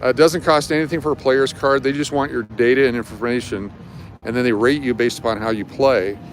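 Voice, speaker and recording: Brisk and steady, a man with a mid-range voice livestreams a street tour through the city at night. He offers casual, informal explanations as traffic roars on the noisy street.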